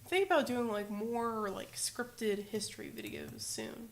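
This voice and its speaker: A woman's voice: a little high, big pitch swings, unhurried, creaky, a little hiss or hum. A woman streaming, chatting casually in a rambling, hesitant way with lots of filler words and self-corrections. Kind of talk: casual livestream chat.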